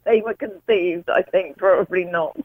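A woman's voice: medium pitch, steady tone, normal speed, breathy edge, dry recording. A woman speaking as a radio guest, a psychologist giving casual advice over a narrow call line.

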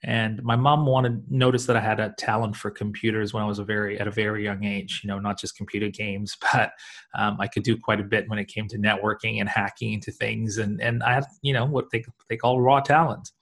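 A man's voice: lowish voice, level tone, a little fast, vocal fry, a bit bright. A man from Tanzania talking about his career as an interview guest, reflective and full of fillers and restarts. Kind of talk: casual interview talk.

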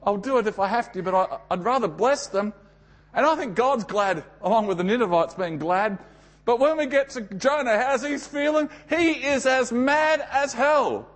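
An Australian man preaching a sermon, telling the story dramatically with emphatic pauses and rhetorical questions. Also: very high voice.

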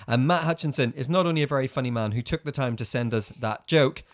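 A man's voice: mid-range voice, fast. A man co-hosting a family podcast, cheerfully reading out listener messages and jokes. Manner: upbeat, reads out listener messages. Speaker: podcast co-host.

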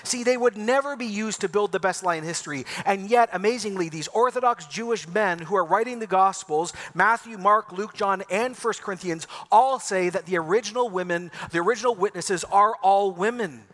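A man's voice: high-pitched, brisk, hardly any pauses, fairly bright tone. A man who grew up in Ecuador, preaching an Easter sermon in an emphatic, rhetorical way. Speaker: pastor.

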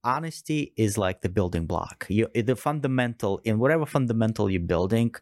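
A man's voice: fairly low pitch, expressive, fairly quick, no echo, clean studio sound. A man in a casual podcast conversation, speaking earnestly and repeating his key words for emphasis. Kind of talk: casual chat.

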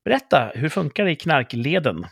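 A man hosting a casual podcast chat with dry, deadpan humor. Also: on the high side, gravelly, slightly rough, dry recording. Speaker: podcast host.

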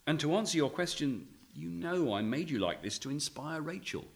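A man's voice: on the high side, very animated, normal speed, creaky. An actor playing an earnest male writer who pleads with his character and reads his adventure prose aloud. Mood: pleading. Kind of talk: comedy audio drama.

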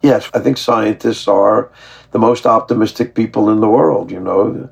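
Deep, gravelly, husky man as guest. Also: moderate pace. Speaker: guest scientist. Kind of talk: casual interview conversation. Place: online video call.

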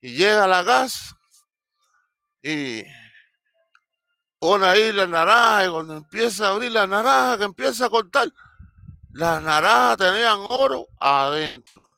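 A man's voice: high-pitched, unhurried, vocal fry, pauses often, dry recording, clean studio sound. A man hosting a show, telling a folk tale with a moral and acting out the characters' voices. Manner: animated, acts out the characters' voices. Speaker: radio show host.

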